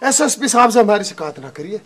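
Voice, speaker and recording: Brief: man as a blustering village cop, very high voice, comedy skit. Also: expressive, fast talker, a bit bright, no room sound. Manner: blustering, comic rustic banter. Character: bumbling corrupt village police inspector, man.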